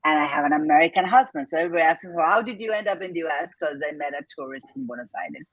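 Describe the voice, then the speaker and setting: Over crowd noise and dull audio, a woman in her fifties from Argentina talks very fast in a low voice with an Argentine Spanish accent. A business owner appearing as an interview guest, she's frank and reflective, laughs often, and uses lots of fillers.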